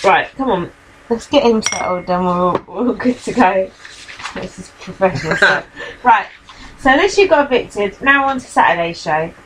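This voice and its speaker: A woman's voice: mid-range voice, animated, moderate pace, background noise. A woman co-hosting a casual podcast from home, recapping with plenty of swearing and laughter. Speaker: podcast co-host. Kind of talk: casual chat. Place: home, with a cat.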